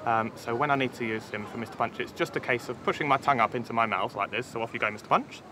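Man chatting outdoors, medium pitch. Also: fast talker, bright, forceful tone. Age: 30s. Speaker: puppeteer being interviewed. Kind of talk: casual interview explanation. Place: outdoors on a seaside beach. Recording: outdoor ambient noise.

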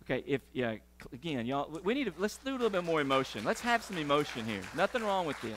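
Pacing the stage of a large sanctuary and gesturing as he goes, a middle-aged pastor animatedly delivers church announcements as if preaching. His voice is on the high side and his pace is quick.

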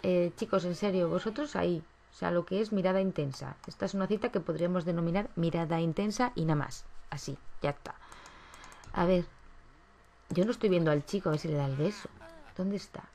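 A woman's voice: on the low side, brisk, mellow. A woman giving chatty gameplay commentary, coaxing the characters on screen as she plays. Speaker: gaming YouTuber.

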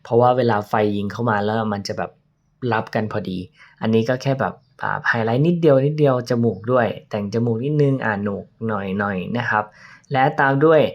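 A man chatting casually through an everyday makeup routine in a vlog, playful and joking at his own expense. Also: medium pitch. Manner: playful, chatty, laughs at himself. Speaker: makeup vlogger.

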